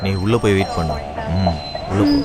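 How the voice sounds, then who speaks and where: A man's voice: sits low, a little fast, loud music behind the voice, lightly acted. An actor playing a greedy, joking male police officer who pockets bribes, in a dubbed film. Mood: sly.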